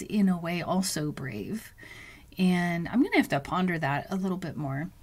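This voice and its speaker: A woman's voice: mid-range voice, darkish tone. Thoughtful woman musing aloud on a podcast. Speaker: podcast host. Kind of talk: reflective solo podcast monologue.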